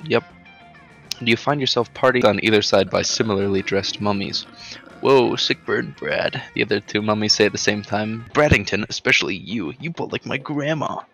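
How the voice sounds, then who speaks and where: A man with a low, creaky voice and a forceful edge plays a party game with friends. He reads the on-screen text aloud in a jokey, hammy way, with music behind him. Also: normal speed. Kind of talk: casual group let's play, reading dialogue aloud.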